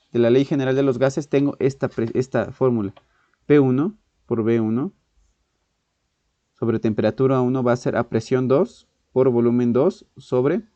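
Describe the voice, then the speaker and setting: A man with a Mexican accent teaching a physics exam-prep lesson, thinking aloud with halting restarts, frequent "ok?" and clearing his throat. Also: medium pitch, mellow, no echo. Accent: Mexican Spanish. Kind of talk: exam-prep lesson working through problems. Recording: muffled, dull sound in a dry room.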